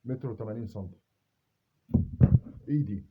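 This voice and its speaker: A man from Upper Egypt with an Upper Egyptian Arabic accent, delivering a defiant monologue to camera, indignant and repeating rhetorical questions that swell into loud emphasis. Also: on the low side, normal speed, lo-fi sound, heavy background noise. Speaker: self-made video speaker.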